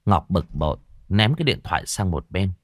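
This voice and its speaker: A man narrating a horror story with a dramatic, expressive reading. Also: sits low, fairly quick, no echo.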